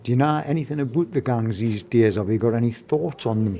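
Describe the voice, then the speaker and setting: A man's voice: mid-range voice, brisk, mellow. A man from North East England with a Geordie accent, interviewing casually with rambling, roundabout questions.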